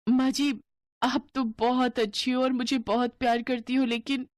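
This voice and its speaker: A woman's voice: sits high, flat delivery, normal speed, a little mellow, no room sound, pitched above the performer's own voice, lightly acted. A frightened young bride from a cartoon story, played by a woman. Her voice is raised and pleading, and she stammers when nervous; the recording is dry and close. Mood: tearful. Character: timid young bride, anxious and fearful.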